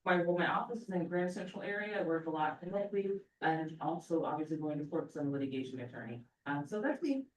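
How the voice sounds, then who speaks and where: A woman's voice: low voice, lively intonation, fast talker, few pauses. A woman attorney from Arizona introducing herself casually at a community meeting. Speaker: attorney, board member. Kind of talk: self-introduction at a public meeting. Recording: echoey room, mic far off.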